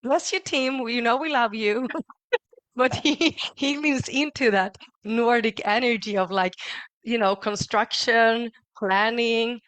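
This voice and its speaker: A woman from Sweden and Greece, a spiritual teacher chatting casually on a live stream, animated with frequent laughs and fillers. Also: a little high, measured pace, dry recording.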